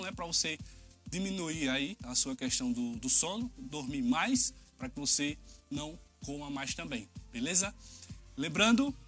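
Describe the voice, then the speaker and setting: Energetic, encouraging man with a bright voice. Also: fairly high pitch. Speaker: fitness presenter. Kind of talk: TV segment sign-off.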